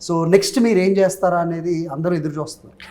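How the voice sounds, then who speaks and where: A man's voice: high-pitched, fairly even intonation, rapid-fire, a little mellow. A man with a Telugu Indian accent interviewing in a chatty way, switching languages and dropping in tag questions. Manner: chatty, frequent filler phrases and tag questions. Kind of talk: film interview, switching between two languages.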